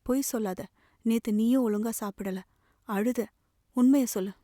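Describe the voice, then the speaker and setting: A woman's voice: fairly high pitch, moderate pace, mellow, dry recording, clean studio sound, natural voice. A woman reading as a caring elder brother. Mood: tender. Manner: tender, earnest pleading. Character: young man, caring protective elder brother. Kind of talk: audiobook novel reading.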